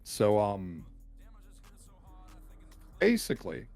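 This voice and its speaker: A man speaking through a deep, pitch-shifted voice changer as an interviewed hacker, explaining in a hesitant, rambling way with many ums and restarts. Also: wildly swooping pitch, drawn-out words, vocal fry, darkish tone, soft background music. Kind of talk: casual call-in interview.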